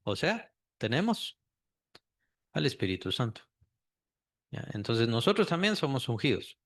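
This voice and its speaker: A man's voice: mid-range voice, sing-song, measured pace. A man teaching a Sunday school Bible lesson, asking the class questions and repeating key phrases.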